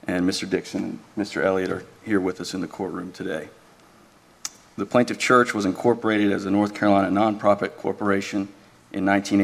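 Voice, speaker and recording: A man speaking as an attorney, giving a measured, deferential, formal oral argument in a courtroom. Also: low-pitched, creaky. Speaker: attorney arguing an appeal.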